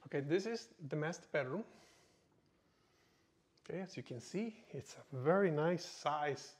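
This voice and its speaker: A man's voice: on the high side, expressive, unhurried. A man working as a real estate agent, giving a casual walk-through home tour with informal sales patter, often tagging his phrases with "okay". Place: indoors, walking through an empty new house. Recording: echoey empty-house reverb.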